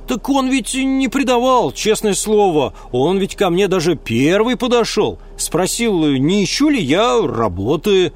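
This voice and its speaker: A man's voice: high-pitched, very animated, measured pace, few pauses, voice pushed up. A man voicing a talkative young country lad who rambles in folksy speech with filler sounds. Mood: eager.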